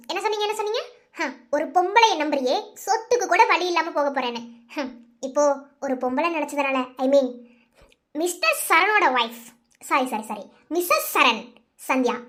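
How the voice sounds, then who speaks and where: A woman's voice: high voice, fairly bright tone. A woman with a Madurai Tamil accent voicing a bold, teasing young wife in a cartoon, bossy and fond as she scolds her husband. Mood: triumphant. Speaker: wife of the tender winner. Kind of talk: cartoon voice acting.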